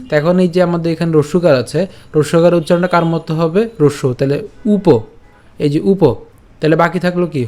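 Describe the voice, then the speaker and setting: A man with a Bengali accent teaching pronunciation step by step, patiently repeating syllables slowly and checking in with his listeners. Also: fairly high pitch, darkish tone. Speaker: Gita recitation teacher.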